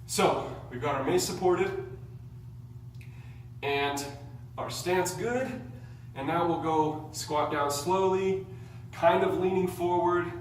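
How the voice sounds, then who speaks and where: A man's voice: sits high, takes it slowly, pauses often, slight background noise. Echoey, distant man coaching a workout. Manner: cueing steps in short commands. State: out of breath. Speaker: fitness instructor. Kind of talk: workout tutorial. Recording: very echoey room, mic far off.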